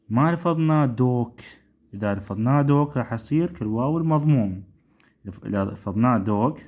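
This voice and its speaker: A man with an Iraqi Arabic accent teaching English pronunciation, repeating each word slowly and often asking if it is clear. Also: mid-range voice, darkish tone. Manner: repeats words slowly, asks rhetorical checks. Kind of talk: classroom-style lesson.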